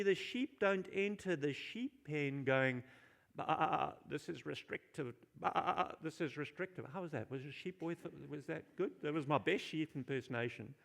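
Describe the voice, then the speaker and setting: Pastor with a gravelly, fairly high voice. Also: male voice. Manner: questions the congregation and repeats key phrases for emphasis; informal and jokey. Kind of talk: sermon. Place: church.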